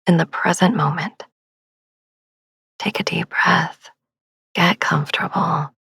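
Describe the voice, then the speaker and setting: Husky whispering woman hosting sleep meditations. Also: lowish voice, no echo. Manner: soft, slow, soothing whisper. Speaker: podcast host.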